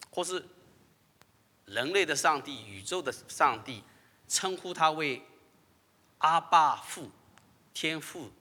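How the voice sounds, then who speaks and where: A man's voice: on the high side, sharp tone, husky, in a large hall. A male pastor leading an interactive sermon, who asks the congregation questions and laughs often.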